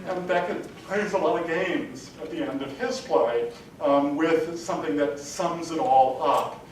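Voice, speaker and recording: Man lecturing, slightly high voice, lots of "sort of" fillers, very echoey hall, distant mic. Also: measured pace. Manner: rambling, heavy fillers like "sort of, you know". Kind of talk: adult-education lecture. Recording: distant mic in a very echoey room with faint rumble.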